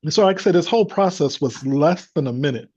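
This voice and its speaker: A man's voice: a little high, animated, fast talker, darkish tone, breathy edge, lo-fi sound. A man telling a personal faith story as a guest, in an earnest, devout manner. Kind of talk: personal testimony.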